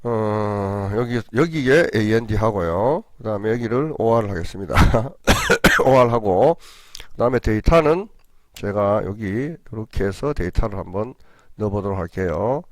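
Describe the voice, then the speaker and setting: A male computer-skills instructor walks through a spreadsheet tutorial with a lively, rising-and-falling voice. He explains each step patiently and checks in with his listeners often. The recording is dry and close, with no room sound. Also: fairly low pitch, moderate pace, dry recording. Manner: patient, repeats "그죠?" for frequent check-ins; talks through each step, with small self-corrections.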